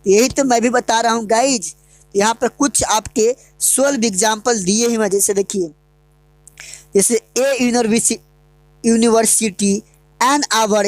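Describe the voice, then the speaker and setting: A woman's voice: a little high, a little mellow, no room sound. Teacher quizzing her own class. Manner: asks the class questions and answers them herself. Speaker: English grammar teacher. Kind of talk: explanatory online lesson.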